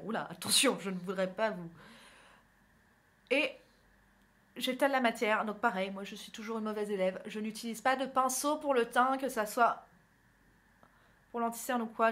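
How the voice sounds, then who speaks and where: A woman's voice: on the high side, a bit bright. A young woman from northern France, chatty and self-mocking, talking through her makeup routine in a casual tutorial. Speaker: beauty vlogger. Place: indoors at home, by a window.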